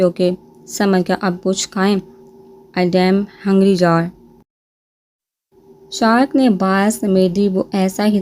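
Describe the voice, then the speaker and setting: A woman narrating a romance novel aloud, reading every character's lines in her own voice with small lifts in pitch. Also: darkish tone. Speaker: novel reader.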